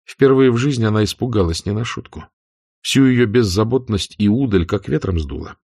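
A man reading a novel aloud as an audiobook narrator, with measured, expressive delivery. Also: lowish voice, gravelly, breathy edge, no room sound, studio quality.

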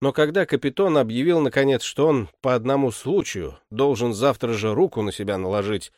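A man narrating a classic story as an audiobook reader, expressive and unhurried. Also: mid-range voice, no echo, clean studio sound. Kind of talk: literary narration.

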